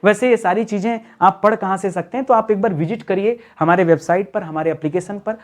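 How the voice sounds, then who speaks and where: A man's voice: high-pitched, a little fast. Male Hindi teacher, talky and teasing, asks the class questions and answers them himself. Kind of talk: online exam-prep lesson.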